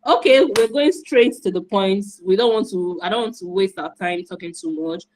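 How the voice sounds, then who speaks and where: A woman's voice: medium pitch, normal speed, a little mellow, poor audio. A woman from Nigeria, hosting an online event in an enthusiastic, repetitive, encouraging way over a video call. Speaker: host and moderator.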